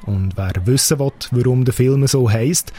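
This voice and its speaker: A man's voice: mid-range voice, normal speed, warm tone, slightly rough, soft background music. A man with a Swiss German accent narrating a scripted radio review as a critic.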